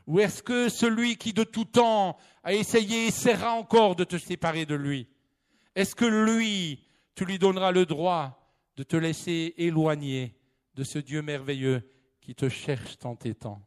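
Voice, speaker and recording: A male preacher delivering a sermon in a church. He speaks slowly and earnestly and puts direct questions to his listeners. His voice sits fairly high for a man. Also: clear, resonant tone. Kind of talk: sermon with a storytelling parable.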